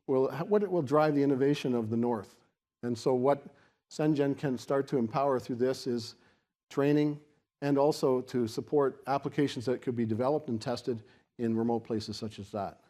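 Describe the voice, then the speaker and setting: A man giving a semi-extemporaneous podium speech as a keynote speaker, explaining in a halting way with repeated restarts. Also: mid-range voice, mellow. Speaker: keynote speaker for a technology organisation.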